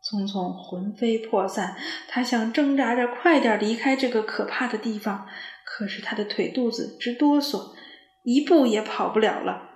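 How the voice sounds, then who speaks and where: A woman reads a children's story slowly and expressively in a fairly high voice. The reading carries a roomy echo. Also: a little mellow.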